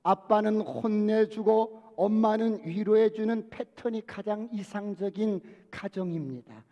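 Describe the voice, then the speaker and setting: In a church sanctuary, a male pastor preaches a sermon, asking the congregation questions and answering them himself. His voice sits high and is a little slow, with lo-fi sound and a long church hall reverb.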